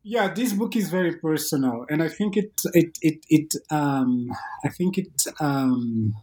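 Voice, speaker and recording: A middle-aged man with an Angolan accent answers interview questions as an academic guest, haltingly, often repeating words. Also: on the high side, lively intonation, a little mellow, husky. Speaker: academic author, podcast guest.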